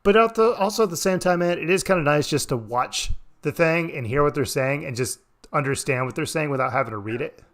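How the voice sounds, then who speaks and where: A man's voice: a little high, lively intonation, brisk, hardly any pauses. A man giving casual, rambling reaction commentary on a stream, swearing freely. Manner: rambling, profane, laid-back.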